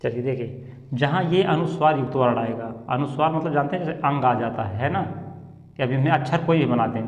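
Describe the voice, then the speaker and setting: A man teaching a class at a board, who asks questions and answers them himself. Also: mid-range voice. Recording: echoey room, dull lo-fi sound.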